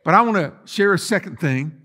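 A middle-aged man's voice, high, expressive, a little fast, pushed and bright, delivers a conversational sermon. Preaching as a pastor inside a church sanctuary, he explains points and questions the congregation.

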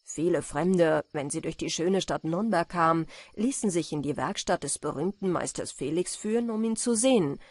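A woman's voice: lowish voice, lively intonation, normal speed, few pauses, dry recording. Woman reading a bedtime fairy tale. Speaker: audiobook reader.

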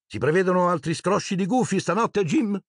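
A man's voice: high-pitched, animated, fairly quick, no room sound, clean studio sound, voice pushed up. A man voicing a formal television newsreader in announcer style, in an audiobook reading.

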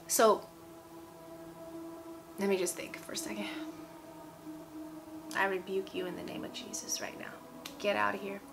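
A woman's voice: medium pitch, very animated, takes it slowly, gravelly, pauses often, over music. A woman in her forties giving a casual, emphatic sermon to camera at home, repeating phrases and checking in with "okay?". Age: 40s. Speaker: preacher. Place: indoor room at home.

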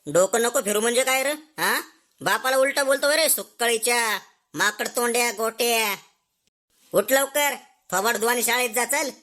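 Sex: woman. Figure: a woman doing a cranky father scolding his son. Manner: scolding and insulting, with rough slang. Tone: bright, cutting. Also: on the high side, moderate pace, lightly acted. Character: scolding, foul-mouthed village father. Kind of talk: comedy sketch acting.

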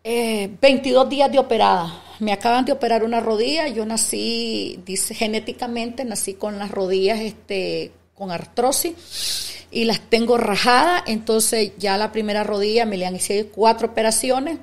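A woman in her fifties, a businesswoman guest on a podcast, chatting casually and telling animated stories with acted-out dialogue. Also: a little high, moderate pace, creaky. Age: 50s. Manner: animated storytelling, acts out quoted dialogue. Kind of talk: casual interview chat.

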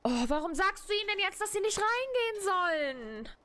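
A woman's voice: very high voice, very animated, normal speed, bright, forceful tone. A woman streaming a game, translating its lines aloud and reacting bluntly with casual swearing. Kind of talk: live gameplay commentary, translating dialogue.

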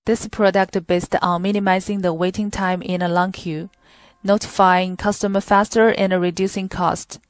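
A woman narrating a scripted product demonstration in a plain, steady reading voice with small grammar slips. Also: medium pitch, moderate pace, no echo. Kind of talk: scripted instructional voice-over.

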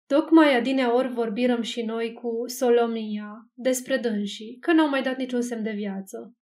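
A woman's voice: on the high side, steady tone, a little mellow, natural voice. A woman reading aloud as a gossipy, fretful older townswoman in her sixties, who talks in a complaining, emphatic way. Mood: fretting.

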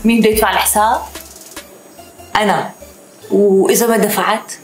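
A woman's voice: mid-range voice, fairly even intonation, a little fast, natural voice. A woman playing a worried young woman left alone at a restaurant table, asking anxious questions. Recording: roomy room with faint music.

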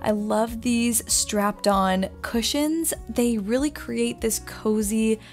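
A woman's voice: on the high side, fairly even intonation, slow pace, darkish tone, faint music behind. A young adult woman and interior designer giving upbeat, enthusiastic voice-over about home decor finds. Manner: upbeat, enthusiastic product commentary. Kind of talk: voice-over shopping narration.

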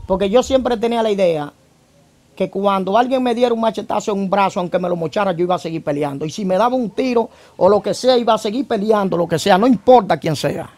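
A man gives his church testimony as a former gang member. He tells his story vividly, acts out each moment and keeps breaking in with short praise phrases. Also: extremely high pitch.

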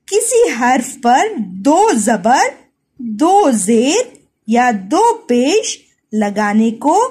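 A woman's voice: sits high, darkish tone. A woman teacher giving a recorded religious lesson to young children, spelling out letters and sounds and checking with "theek hai". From Pakistan.

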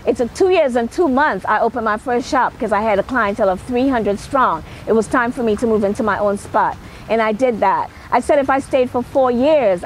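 On a patio at night, a celebrity hairstylist and makeup artist talks to camera, giving an emphatic, motivational personal talk punctuated with "okay." She is middle-aged, has a Trinidadian accent, and her voice sits on the high side. The audio is poor, with a little hiss or hum.

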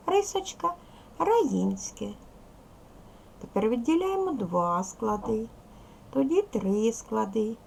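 In a recorded video lesson for second graders, a woman with a medium-pitched, husky voice and vocal fry teaches patiently, step by step. She counts aloud and speaks to the pupils as little children.

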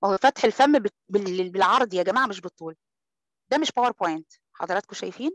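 A woman's voice: medium pitch, lively intonation, very fast, dry recording. A woman with an Egyptian Arabic accent teaching an online Quran recitation class, sounding out letters and speaking affectionately to her students. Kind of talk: online tajweed class, answering questions.

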